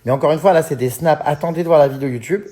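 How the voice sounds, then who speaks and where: A man's voice: fairly high pitch, racing, warm tone. A man in his thirties vlogging casually to his followers, chatty and full of fillers, reading out and answering fan messages. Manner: chatty, many fillers like hein and euh; often laughs while talking. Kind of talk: casual story chat to followers.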